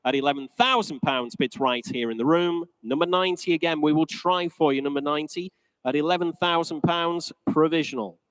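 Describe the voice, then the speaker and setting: A man's voice: on the high side, fairly quick, fairly bright tone, clear, resonant tone, no room sound. A man working as an auctioneer, calling bids live in a polished, courteous, repetitive patter.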